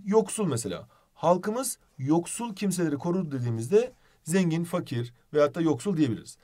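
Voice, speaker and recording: A male teacher runs a playful, animated video lesson, asking questions as he goes. His fairly high voice moves a lot in pitch, and his pace is brisk.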